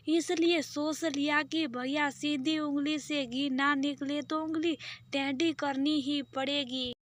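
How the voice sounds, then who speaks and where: A woman's voice: high voice, no echo. A woman narrating a family story in the first person, in a scripted storytelling style, and voicing the people in it.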